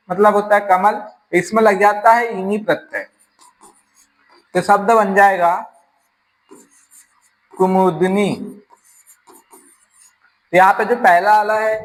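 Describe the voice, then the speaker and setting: A man with a fairly high voice and a Rajasthani accent, teaching an exam-prep grammar lesson. He works through each item step by step, putting a question to the class and then answering it himself. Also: little pitch movement, normal speed, low-quality recording. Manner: explains step by step, asks and answers his own questions.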